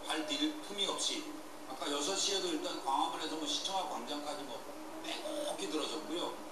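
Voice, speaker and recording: Man, live news host, slightly high voice, very echoey distant outdoor broadcast, loud background noise. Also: brisk. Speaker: host of live rally coverage. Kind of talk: live current-affairs commentary and discussion. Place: outdoors at a large street rally.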